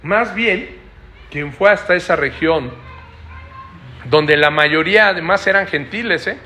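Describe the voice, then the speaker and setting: A man's voice: a little high, lively intonation, unhurried, sharp tone, a little hiss or hum. A man preaching a Bible study, explaining a passage and checking in with his listeners with constant rhetorical questions.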